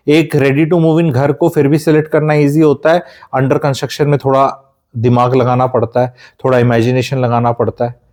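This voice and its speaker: A man's voice: a little high, darkish tone. A man from India giving life advice in an emphatic, lecturing way, dropping English phrases into his talk.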